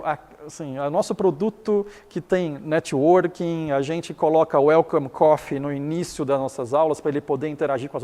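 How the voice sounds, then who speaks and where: A middle-aged man from Taiwan, whose first language is Chinese, explains his business during an interview, often restarting and repeating words. His voice is a little high with a darkish tone, and he's recorded in a large hall.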